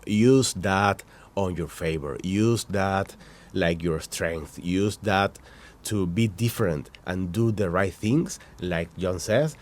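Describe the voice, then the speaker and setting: A man whose first language is Spanish, with a Latin American accent, hosts a casual interview inside a shop. He often restarts as he searches for words. His voice is lowish and darkish in tone.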